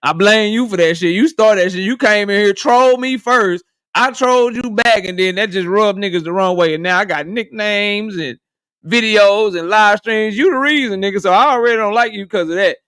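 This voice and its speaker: A man in his thirties chats casually with his live stream viewers, ribbing them and breaking into laughs. His voice sits high and comes through smooth. The recording is close and dry. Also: moderate pace, a bit bright, no room sound. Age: 30s. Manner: joking, roasting chat members, laughs often.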